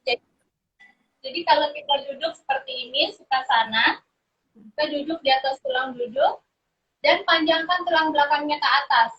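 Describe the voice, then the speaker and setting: A woman's voice: sits high, expressive, normal speed, long pauses, fairly bright tone. Woman's voice breaking up on a live stream. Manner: patient step-by-step explaining. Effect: audio breaking up, choppy connection. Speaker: yoga teacher. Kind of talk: explaining on a live video chat. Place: seated on a yoga mat. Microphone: phone on a live video stream. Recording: dull lo-fi live stream audio.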